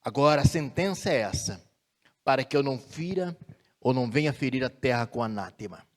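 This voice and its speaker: A man preaching a sermon as pastor, measured and deliberate, slowing down and swelling in force on key phrases. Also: mid-range voice, animated, in a large hall.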